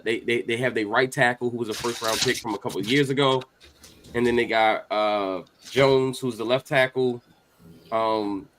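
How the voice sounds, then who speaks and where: A man's voice: mid-range voice, a bit bright. A man hosting a sports podcast, announcing picks and steering the talk. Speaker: podcast host. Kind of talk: casual sports chat.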